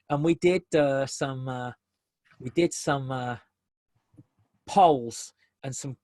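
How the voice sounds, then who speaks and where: A man's voice: fairly high pitch, dry recording. A man giving a conversational business webinar presentation over a video call, repeating key phrases for emphasis.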